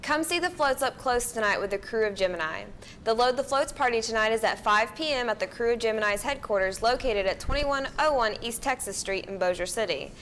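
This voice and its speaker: Young woman, news anchor, scripted read, slightly high voice, faint hiss. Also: lively intonation, fairly quick, a bit bright.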